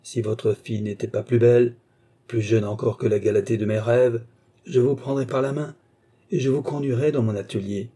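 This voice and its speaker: A man's voice: medium pitch, fairly even intonation, moderate pace, mellow, slightly rough, lightly acted. A man voicing a courteous young painter in a storybook reading, gallant and polished in speech.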